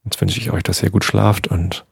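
A man hosting a sleep podcast who calmly reads a bedtime story aloud, with small slips and restarts. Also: deep voice, moderate pace, gravelly, breathy edge, dry recording, studio quality. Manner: calm reading with small slips. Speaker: podcast host.

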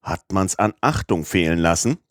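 A man's voice: low voice, expressive, normal speed, no echo, clean studio sound. A man reading a stern older judge in an audiobook, curt and questioning.

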